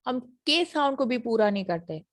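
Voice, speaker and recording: A woman's voice: on the high side, animated. Pakistani woman lecturing online. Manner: explanatory, repeats English phrases slowly then fast; checks understanding often. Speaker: university lecturer.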